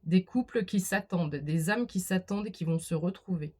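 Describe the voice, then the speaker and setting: Casting note: woman, fairly low voice, casual card reader, speaks to the viewer, full of "euh" and restarts. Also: normal speed, darkish tone, slightly rough. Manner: addresses viewer directly, many fillers and restarts. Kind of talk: casual spoken tarot reading.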